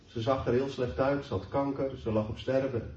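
A man's voice: medium pitch, fairly even intonation, normal speed, darkish tone, slight background noise. Earnest male preacher in a roomy hall. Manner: earnest storytelling, reads scripture aloud. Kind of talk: sermon with personal testimony. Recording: roomy, distant, dull hall mic.

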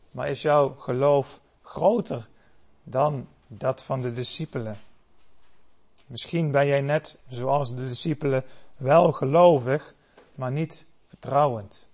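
Slow, dramatic preacher. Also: male voice, on the high side. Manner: dramatic storytelling, swelling loud for quoted cries. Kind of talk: sermon.

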